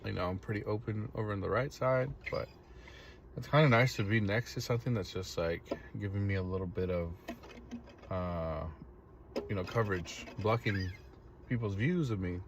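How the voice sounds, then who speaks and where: A man's voice: fairly low pitch, normal speed, noisy background. Laid-back man streaming from his car. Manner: laid-back storytelling, swears freely. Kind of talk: casual live-stream chat reading comments. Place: inside a parked vehicle.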